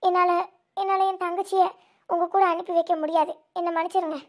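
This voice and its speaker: Fan audio drama: woman voicing a young snake-woman elder sister, very high pitch, anguished, stammering repeats. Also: little pitch movement. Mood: firm refusal. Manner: tearful, pleading, halting repeats.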